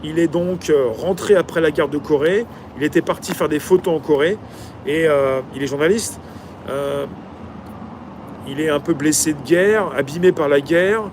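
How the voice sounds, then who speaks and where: A man who hosts his own channel, reading passages from a novel aloud and chatting about them with many fillers and restarts. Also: fairly high pitch. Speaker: YouTube channel host. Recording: noisy with traffic outside.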